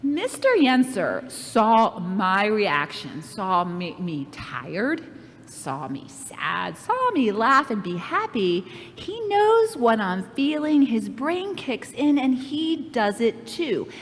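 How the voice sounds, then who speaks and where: A woman leading a children's camp lesson, playful and animated as she speaks straight to the kids. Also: on the high side, takes it slowly, slight background noise. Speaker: children's program leader. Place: church. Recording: echoey hall reverb.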